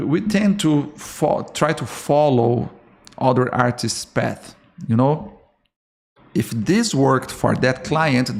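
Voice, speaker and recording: A podcast host with a Brazilian Portuguese accent talks earnestly to artists on his solo show, his middle-pitched voice gravelly, fry-tinged, and a little mellow. Speaking English as a second language, he frequently restarts words, repeats himself, and adds "okay?".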